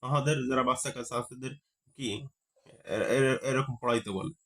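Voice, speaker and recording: A man's voice: mid-range voice, level tone, brisk, a bit bright. A man teaching a grammar lesson. He repeats key terms and keeps asking the class rhetorical questions.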